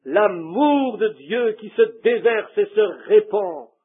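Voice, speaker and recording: A fervent male preacher with a high, husky voice, pleading with his listeners as he tells the story. The sound is thin and tinny, as if it were coming through a telephone. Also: animated, slow. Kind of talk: sermon. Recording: tinny phone-like recording.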